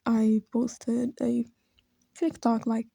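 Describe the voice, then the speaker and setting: Close to tears, a Brazilian Portuguese–speaking video creator offers a heartfelt personal tribute, hesitating and slipping into whispers as she slowly speaks. Her voice, slightly high yet dark and gravelly with a husky edge, shows little pitch movement, recorded dry and close with no room sound.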